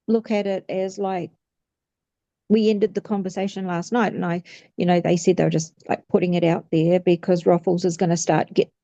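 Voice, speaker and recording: A woman's voice: fairly low pitch, warm tone, no echo. A woman in her fifties getting a reading, chatting casually and rambling with many fillers and restarts. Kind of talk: casual chat. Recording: slightly muffled lo-fi audio.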